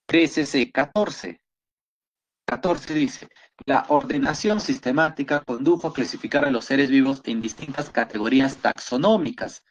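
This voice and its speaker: A man's voice: mid-range voice, measured pace, a little hiss or hum. A man with a Peruvian Spanish accent teaching an online biology class, going over exam questions and praising his students often. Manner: encouraging, repeats praise often.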